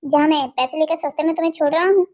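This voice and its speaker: A woman's voice: high-pitched, fairly even intonation, rapid-fire, a little mellow, natural voice. A woman voicing a swaggering male kidnapper with a sword in a cartoon story, talking in taunting, sneering threats.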